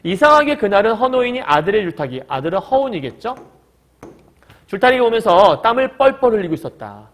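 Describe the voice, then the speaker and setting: A man teaching a literature class, explaining a story by asking quick questions and answering them himself. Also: high-pitched, very animated, fairly bright tone. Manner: breaks into short acted quotes of characters. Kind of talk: recorded classroom lecture.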